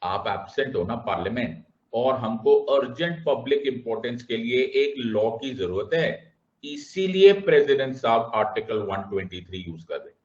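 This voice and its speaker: A man teaching a classroom lecture, animated and repeating checks on whether everyone understands, switching between Hindi and English. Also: medium pitch, moderate pace. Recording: roomy, dull classroom sound.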